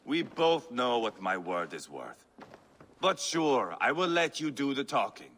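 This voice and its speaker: A man's voice: mid-range voice, very animated, a little slow, fairly bright tone. A man voicing a brash, scarred Viking warlord who talks in a crude, mocking, taunting way in video game dialogue. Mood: scornful.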